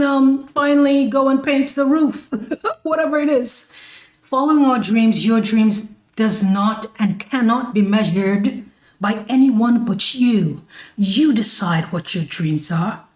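A woman's voice: sits high, unhurried, darkish tone. A woman life coach hosting a motivational podcast, talking affectionately to listeners, laughing often and stretching words for emphasis. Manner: affectionate, calls listeners "my loves" and "baby". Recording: echoey room.

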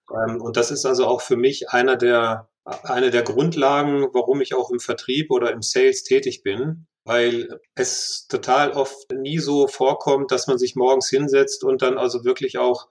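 A man, a sales director, answering questions in a business interview, often restarting and repeating words as he thinks. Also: medium pitch.

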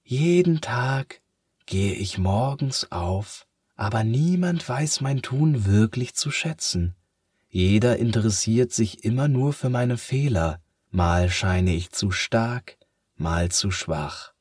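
A man voicing a sad, weary sun that talks slowly and sighs, in a children's storybook. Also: on the low side, lively intonation, a little mellow, slightly rough, no room sound, clean studio sound, pitched above the performer's own voice, heavily acted. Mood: downcast, slow. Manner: slow, sighing, downcast.

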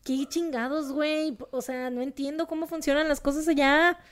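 Telling a true crime tale on the podcast she co-hosts, a young Monterrey woman speaks with a northern Mexican accent, using slang, lots of emphasis, and lively bursts of excitement in a laid-back style. She has a high-pitched voice at a normal speed.

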